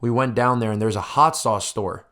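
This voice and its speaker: A man's voice: fairly low pitch, normal speed, sharp tone. A young man hosting a podcast, telling a personal story casually to listeners, with heavy swearing and vivid exaggeration. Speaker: podcast host.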